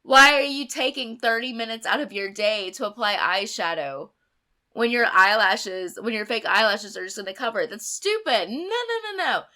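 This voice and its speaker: A young woman reviewing a beauty box in a chatty, emphatic way, hoarse and sick with a sore throat. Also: medium pitch, moderate pace, pushed and bright. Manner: chatty, emphatic, rambling asides. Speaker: beauty vlogger. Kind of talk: casual unboxing review.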